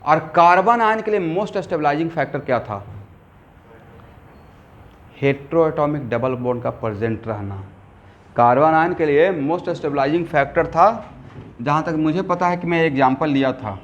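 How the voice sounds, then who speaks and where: A man lectures a chemistry class, asking questions and answering them himself. His voice sits fairly high. The recording is dull and lo-fi, made in a classroom. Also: normal speed, a little hiss or hum. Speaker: chemistry teacher. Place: classroom with students, also streamed online.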